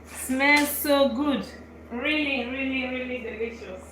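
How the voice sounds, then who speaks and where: A high-pitched woman from Belgium hosts a live cooking stream, talking slowly through every step as she works. Her voice rings in an echoey kitchen with steady background noise. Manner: chatty, explains each step while working. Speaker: cooking show host. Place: home kitchen.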